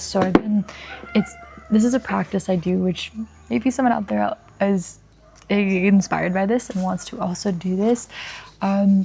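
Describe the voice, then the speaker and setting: A young woman chatting casually while she draws in her journal, relaxed and rambling as she thinks aloud into a close microphone. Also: mid-range voice, vocal fry. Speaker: vlogger. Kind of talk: casual chat while drawing.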